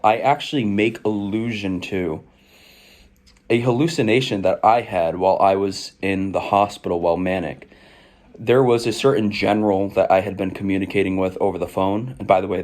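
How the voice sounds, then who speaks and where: Guy in his 20s w a lowish voice, reading stuff out and explaining it, pretty articulate vlog storytelling. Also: darkish tone. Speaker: video creator recounting own past. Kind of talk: personal storytelling, reading aloud old emails with commentary.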